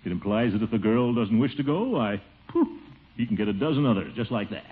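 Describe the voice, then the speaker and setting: An actor playing a pompous, blustering middle-aged bachelor uncle in theatrical 1940s radio comedy style. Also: male voice, lowish voice, animated, a little fast, close to an everyday voice. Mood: self-satisfied. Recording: tinny, very noisy old radio recording.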